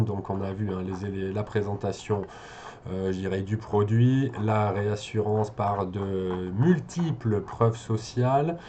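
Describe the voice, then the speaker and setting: Low, mellow man thinking aloud. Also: slight background noise. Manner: hesitant, many fillers and restarts. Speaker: SEO consultant. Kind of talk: thinking aloud while auditing a website.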